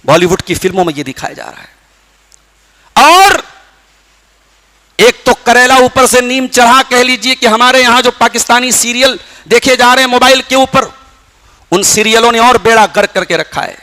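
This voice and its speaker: A man's voice: very high-pitched, bright, forceful tone. A man preaching a sermon as an Islamic preacher, telling stories with passion and reciting Arabic verses. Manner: impassioned storytelling with Arabic recitation. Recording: long hall reverb.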